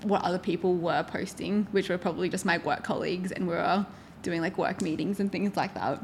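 A woman's voice: fairly low pitch, fairly even intonation, brisk, creaky, a little hiss or hum. A woman hosting a relationship podcast, chatting in an upbeat, casual way. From Australia. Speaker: podcast host. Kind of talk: casual chat.

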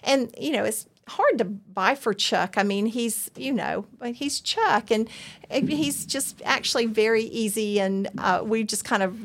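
A woman, co-hosting a podcast and telling a story in a chatty, animated way. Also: a little high, measured pace. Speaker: podcast co-host. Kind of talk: casual podcast chat. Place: studio room with soundboards.

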